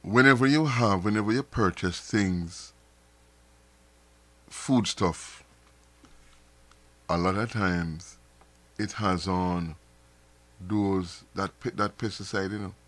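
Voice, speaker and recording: A man hosts a live stream, chatting casually with viewers and rambling, often repeating words and starting over. Dust in his throat makes him a little nasal. His voice is deep and slightly bright, slow, with long pauses.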